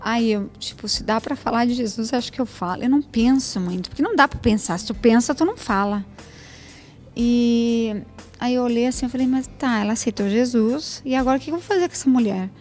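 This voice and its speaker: A woman's voice: fairly high pitch, fairly quick, darkish tone, soft background music. A woman, a guest on a program, telling her personal faith testimony in a spontaneous, chatty way with many tag questions. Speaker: interview guest.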